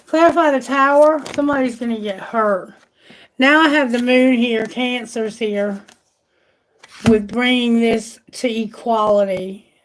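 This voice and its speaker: A woman's voice: a little high, a little hiss or hum, poor audio. A woman doing a live tarot reading, chatty and exclamatory, thinking aloud, and losing her voice. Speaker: tarot reader.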